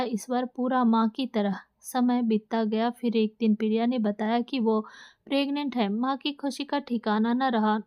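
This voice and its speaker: A woman narrates a scripted story at a steady, even pace. Her voice sits fairly high. The reading is smooth and careful, with no fillers.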